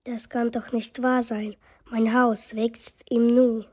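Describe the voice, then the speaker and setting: Woman playing a grumbling old grandma, unhurried, wailing in rhyme. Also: fairly high pitch, level tone, a little mellow, slightly rough. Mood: relieved. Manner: rhyming, wailing lament. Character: fretful old grandmother, forever complaining. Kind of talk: rhyming story reading.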